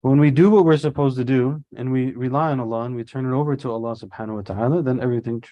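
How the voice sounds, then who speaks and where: A man's voice: medium pitch, fairly even intonation, quick pace, muffled recording. A man teaching a casual religious study-circle lesson, talking in a conversational way with everyday examples and Arabic religious terms mixed in.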